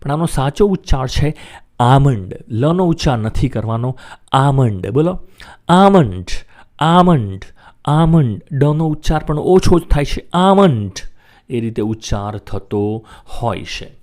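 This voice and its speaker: A man teaching English vocabulary in his native Gujarati, saying each word slowly several times and asking listeners to repeat after him. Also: mid-range voice, expressive, a little mellow.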